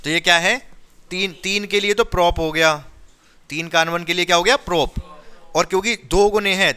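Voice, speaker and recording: A man's voice: high voice, steady tone, normal speed, pushed and bright, smooth. A man teaching a chemistry lesson to a class, talking students through each step and constantly checking they follow. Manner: questioning, drills students with repeated checks. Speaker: science teacher.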